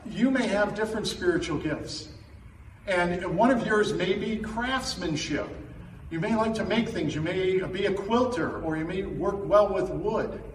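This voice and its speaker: An American man, a pastor, giving a plainly worded teaching sermon to his congregation. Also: sits high. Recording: echoey, distant mic, background noise.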